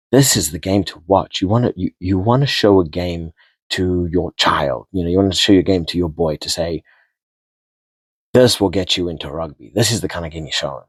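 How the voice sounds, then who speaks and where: A man's voice: sits low, dry recording. A man giving a casual, rambling rugby match recap, repeating and restarting words as he goes. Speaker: rugby vlogger.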